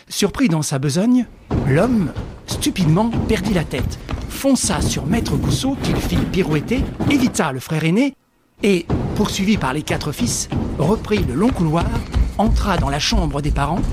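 A man narrating an audiobook in a measured, even storytelling manner. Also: a little high, background noise. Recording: dry close recording with faint music.

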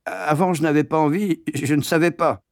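A man's voice: a little high, normal speed, no echo, studio quality, voice pushed up, natural voice. A man voicing an anxious young schoolboy begging his teacher for permission in a storybook reading. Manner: begging, whiny.

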